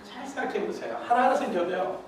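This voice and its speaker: A middle-aged male pastor preaching a sermon in a lively way, acting out voices and putting questions to his congregation. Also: high-pitched, quick pace, background noise. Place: large church sanctuary. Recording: echoey hall, mic far from the speaker.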